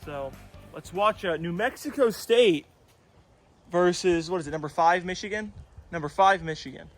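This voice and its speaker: Excitable high-voiced man hosting. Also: moderate pace, soft background music. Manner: excitable, teasing. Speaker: host. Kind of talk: joking casual commentary.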